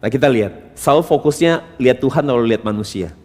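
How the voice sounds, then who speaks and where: A man's voice: medium pitch, a little fast. Man preaching in a reverberant hall. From Indonesia. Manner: animated preaching, rhetorical questions, rising to loud emphatic bursts. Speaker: pastor. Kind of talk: sermon.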